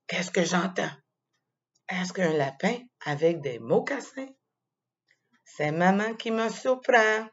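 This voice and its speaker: A woman with a Quebec French accent tells a playful children's story at an unhurried pace. Her voice sits on the lower side and stays expressive. The sound is dull and lo-fi. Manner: playful, slow and expressive, with little laughs.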